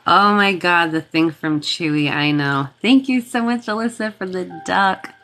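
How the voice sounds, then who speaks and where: Congested and sniffly from a cold, a woman hosts a reiki livestream, casually greeting and thanking viewers by name. Her voice is lowish and fairly bright, and her pace is measured.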